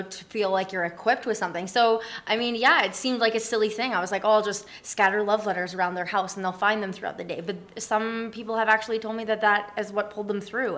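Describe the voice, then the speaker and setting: A woman with a Canadian accent, a photographer running a letter-writing project, chats casually as an interview guest, telling stories in an informal, rambling and giggly way. Her voice is mid-range with a fairly bright tone.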